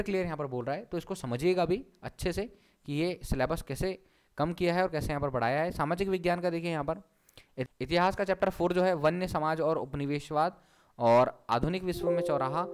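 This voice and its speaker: A man's voice: on the high side, brisk. A man teaching an online class, walking viewers through a document and repeating his instructions again and again. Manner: repeats points over and over, instructing.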